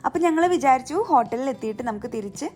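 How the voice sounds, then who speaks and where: A woman's voice: sits high, animated, racing, a little mellow. A woman narrating a travel vlog in a chatty way, mixing English words into Malayalam. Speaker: travel vlogger. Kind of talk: scripted vlog voice-over narration.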